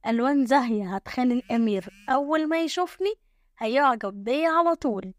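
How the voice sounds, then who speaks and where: A woman's voice: high voice, lively intonation, fast, no echo, studio quality. A woman voicing a group of young village girls with an Egyptian accent who tease and sneer. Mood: mocking. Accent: Egyptian Arabic. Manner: teasing, sneering.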